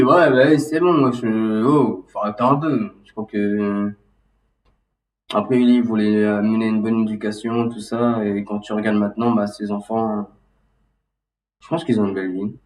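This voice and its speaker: A man talking casually and loosely about his memories, halting and restarting often with lots of fillers. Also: medium pitch. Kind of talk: casual rambling monologue. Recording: roomy echo, mic at a distance.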